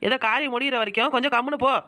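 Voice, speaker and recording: A woman's voice: high-pitched, fairly even intonation, racing, bright, forceful tone. A woman voicing an offended woman guest from the neighborhood in a Tamil cartoon. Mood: resentful. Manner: grumbling, resentful.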